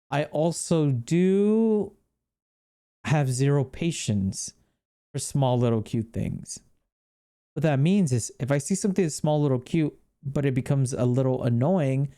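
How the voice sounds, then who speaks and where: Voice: mid-range voice, measured pace, pauses often, warm tone. A streamer in casual livestream chat, rambling, laughing often and swearing freely while talking to viewers. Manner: chats with viewers while reacting on screen.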